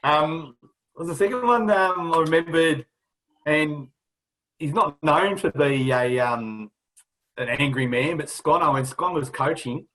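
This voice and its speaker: A man's voice: fairly high pitch, measured pace, a bit bright, low-quality recording. A man, a former footballer, casually telling old club anecdotes with a laugh in his voice. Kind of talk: casual storytelling.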